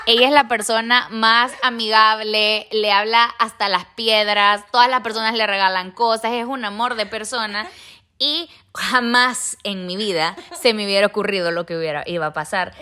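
A young woman from El Salvador, hosting a casual chat and telling stories in an animated way. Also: mid-range voice, normal speed. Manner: animated storyteller, acts out quoted voices. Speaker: podcast host.

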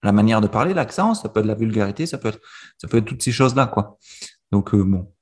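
A man's voice: on the low side, animated, quick pace. A man hosting a casual conversation who stammers and repeats words as he asks questions.

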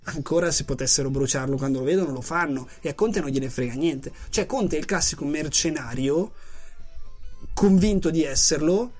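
A man's voice: on the high side, normal speed, darkish tone, faint music behind. A man in a casual, heated podcast debate, opinionated and emphatic, repeating himself to press his point. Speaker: football podcast co-host.

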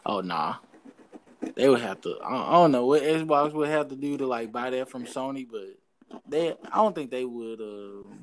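A man's voice: medium pitch, expressive, moderate pace. A man co-hosting a casual gaming podcast, rambling with many fillers as he searches for words. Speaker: podcast co-host. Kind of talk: casual chat.

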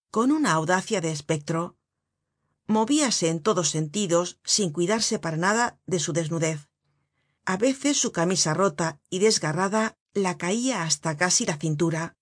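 A woman narrating an audiobook in a measured, deliberate reading voice. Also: on the low side, no room sound, clean studio sound. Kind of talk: scripted narration.

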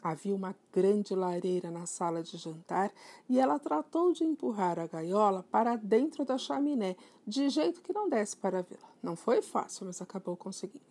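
A woman reading a children's story aloud in an expressive manner. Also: medium pitch, moderate pace. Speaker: narrator.

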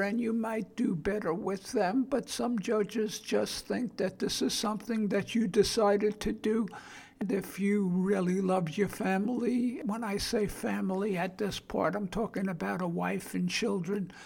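Older female podcast host, Brooklyn accent, creaky husky voice, halting plain-spoken delivery. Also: mid-range voice, warm tone. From Brooklyn, New York. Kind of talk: informal solo podcast talk.

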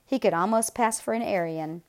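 A woman's voice: medium pitch, moderate pace, lightly acted. A woman voicing a cold male Gestapo agent who barks clipped, commanding orders.

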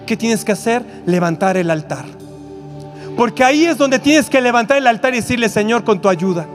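Mexican male preacher, very high voice, animated sermon, quick asides to the crowd, faint music behind. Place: church auditorium.

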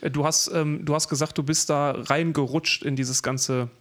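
A man's voice: a little high, steady tone, normal speed. A man hosting a casual podcast, asking questions in a playful, teasing way. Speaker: podcast host.

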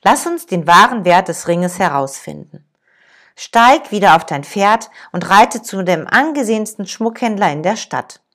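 Woman voicing a wise old master, calm, measured, storybook reading. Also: mid-range voice.

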